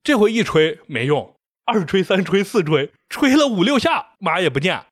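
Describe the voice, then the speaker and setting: A male podcast host retelling a myth in a playful, animated casual way. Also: high voice, moderate pace, husky, no room sound, studio quality. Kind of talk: casual storytelling of myths.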